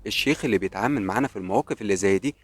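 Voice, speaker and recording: An eager young wife and archaeologist, quick and slightly raised, with an Egyptian accent, as a male storyteller puts her on. The voice is husky and races along at a very fast pace. It sounds close and dry. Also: on the low side, no echo. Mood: worried. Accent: Egyptian Arabic.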